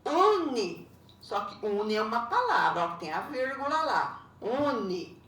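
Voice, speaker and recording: A woman, a primary school teacher correcting homework in a recorded lesson, explaining slowly and patiently with frequent checking tags. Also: a little high, very animated, a bit bright. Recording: roomy echo, voice a bit far from the mic, faint background noise.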